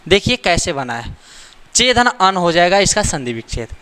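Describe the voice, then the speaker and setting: A man's voice: sits high, big pitch swings, normal speed, bright, forceful tone, smooth, in a large hall. A man teaching a grammar lesson, repeating the rules and asking rhetorical questions to check that students follow. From India.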